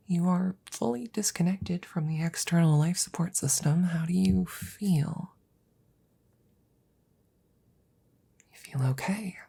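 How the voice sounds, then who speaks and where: Sounding pleased and proud, a woman in a full character voice plays an anxious, devoted scientist in an intimate ASMR scene. Her fairly low, soft, breathy voice rambles haltingly right by the mic, often sliding into a whisper.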